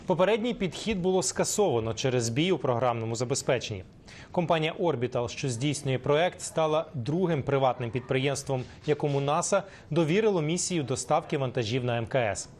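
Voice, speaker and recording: A male news anchor reads the bulletin in a measured, formal manner at a mid pitch. A faint rumble sits under his voice. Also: animated, a little mellow. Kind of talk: scripted news presenting.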